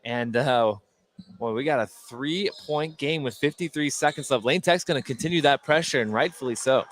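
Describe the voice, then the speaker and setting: Here a man calls basketball live for radio, speaking at normal speed in a mid-range, slightly bright voice. He keeps his calls short and clipped, lifting them on big plays, while the gym noise makes the game broadcast clearly noisy.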